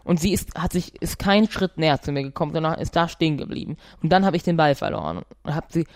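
A man's voice: a little high, lively intonation, no room sound, studio quality. A young man arguing with his father in casual talk, insisting on his own version of events. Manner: quick, insistent, contrary. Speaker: son, student. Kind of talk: casual family conversation.

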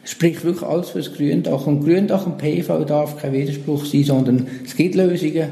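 A Swiss German man with a gravelly, very dark voice lays out technical details in a matter-of-fact way. His voice is a touch higher than most men's. It rings in a roomy, reverberant space with a long tail. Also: steady tone, normal speed. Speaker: solar cooperative manager. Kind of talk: interview answers. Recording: roomy, reverberant room sound.

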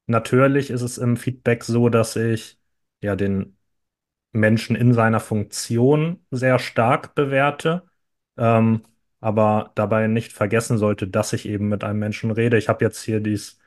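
A man speaking as a podcast guest, talking in a measured, thoughtful way. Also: fairly low pitch, steady tone. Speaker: guest, youth football coach and sports teacher. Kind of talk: conversational interview.

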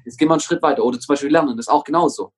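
Young male coach, husky and slightly high-pitched, punchy and repetitive, swears freely. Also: racing. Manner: emphatic, swears often, hammers phrases through repetition. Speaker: interview guest, motivational coach. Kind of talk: energetic motivational talk.

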